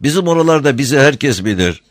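A man's voice: medium pitch, lively intonation, fast, no room sound, studio quality, voice pushed up, lightly acted. A man voicing a humble, pleading wandering Bedouin shepherd in a read-aloud story. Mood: earnest. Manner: pleading, servile, repeats he is a sacrifice.

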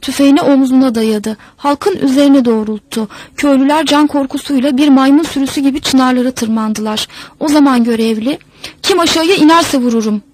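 A woman narrating a folk tale as a storyteller, reading in a measured, even way. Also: high voice, no echo, low-quality recording.

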